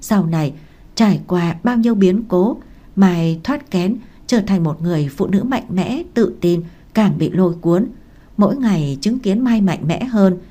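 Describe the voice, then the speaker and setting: A woman's voice: on the low side, mellow. Woman narrating a romance audiobook.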